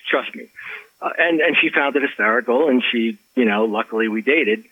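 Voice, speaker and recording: Speaking fairly quickly with a mid-range, slightly rough voice, a man who works as an author and life coach animatedly recounts a personal story for an interview. He keeps restarting and acts out quotes, and the dry audio is slightly dull and lo-fi.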